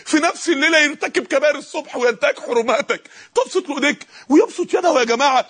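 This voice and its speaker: A man's voice: extremely high pitch, racing, fairly bright tone. A male preacher with an Egyptian accent giving an impassioned sermon, telling stories and rising to cries. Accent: Egyptian Arabic. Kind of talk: emotional sermon.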